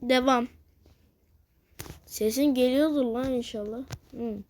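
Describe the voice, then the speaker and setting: A woman giving casual let's-play commentary, cursing, teasing and reacting loudly to the game. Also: sits high, steady tone, takes it slowly, a little hiss or hum. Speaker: gamer playing a video game.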